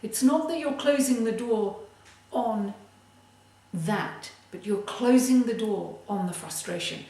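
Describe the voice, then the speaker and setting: Slow, deliberate woman in an echoey room. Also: a little high, warm tone. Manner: slow, deliberate, emphatic delivery. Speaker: creativity coach. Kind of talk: motivational tip talk. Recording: very echoey room, distant mic.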